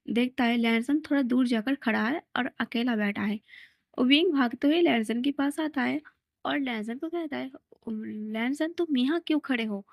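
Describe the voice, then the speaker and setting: A woman's voice: a little high, creaky, no room sound. A woman casually retelling a fan fiction story in a plain, conversational way.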